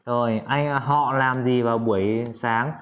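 A man teaching an English lesson in Vietnamese, drilling English phrases slowly and often checking that his students follow. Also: mid-range voice, steady tone. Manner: drills English words slowly, repeats himself, coaxing checks. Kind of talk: classroom-style video lesson.

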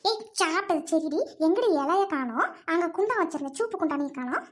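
A woman doing a shrill scolding cartoon housewife. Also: animated, a little fast. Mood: nagging. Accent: Tamil of Trichy. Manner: scolding, shouting. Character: scolding older housewife, quick-tempered.

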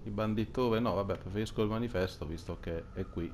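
A man's voice: fairly low pitch, fast talker, noisy background. A man giving casual gameplay commentary, muttering to himself in short phrases. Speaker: video game player. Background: game music.

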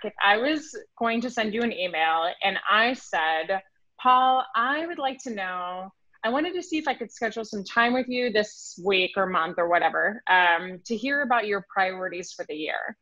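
A Swiss sales consultant in her thirties, a native French speaker, is a guest on a podcast interview over a video call from a room at home. She talks quickly and animatedly, gesturing with her hands and acting out emails, in a medium-pitched voice. The call audio is dull and dry with no echo.

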